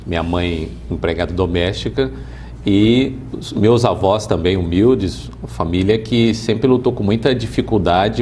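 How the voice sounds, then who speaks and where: A man in his forties from Brazil, a guest in an interview, telling his life story calmly and earnestly. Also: low voice, a little hiss or hum. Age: 40s. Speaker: interview guest, city councilman.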